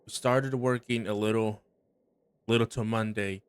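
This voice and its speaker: Weary working guy out in the forest, read by a man, slow plain delivery. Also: on the low side, fairly even intonation, smooth, no room sound, lightly acted. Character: weary male worker in the woods, dutiful. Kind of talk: reading game dialogue aloud.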